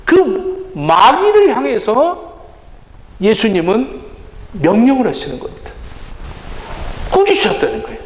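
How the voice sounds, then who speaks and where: A pastor giving a sermon with animated delivery, addressing the congregation directly and acting out the voices he quotes. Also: very high voice, a little slow, pauses often. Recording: echoey church hall with long reverb.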